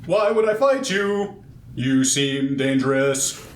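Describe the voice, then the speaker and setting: Slow, lively-pitched male player. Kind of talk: tabletop game chat. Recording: echoey room, faint noise.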